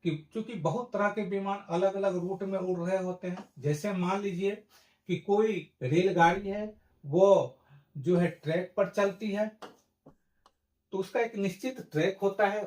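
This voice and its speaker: A man with a high voice and darkish tone gives an explanatory lesson, walking through it step by step in a didactic way as an educational presenter. The recording has a roomy echo from a distant microphone.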